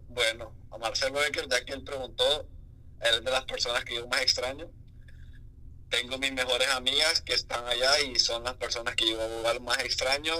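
A man's voice: mid-range voice, bright, forceful tone, poor audio. A man with a Honduran Spanish accent, a music artist telling his story candidly in a casual interview.

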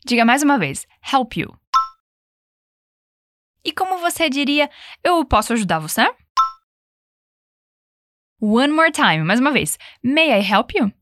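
A young Brazilian woman teaching an English lesson, saying phrases slowly and patiently for the learner to repeat. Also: high voice, very animated, fairly bright tone, no echo, clean studio sound. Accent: Brazilian Portuguese. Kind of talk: language lesson.

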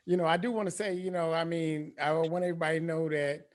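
A man's voice: fairly high pitch, steady tone, fast. A man hosting a call-in show over video, laid-back and chuckling. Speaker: host. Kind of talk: casual chat on a video call.

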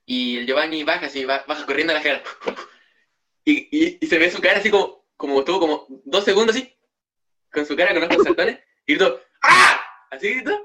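A young man with a Chilean accent co-hosts a podcast, chatting casually and telling a long anecdote with restarts and asides. His voice is bright and sits a little high. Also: quick pace. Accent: Chilean Spanish. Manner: rambling storyteller with restarts. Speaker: podcast co-host. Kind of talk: casual chat.

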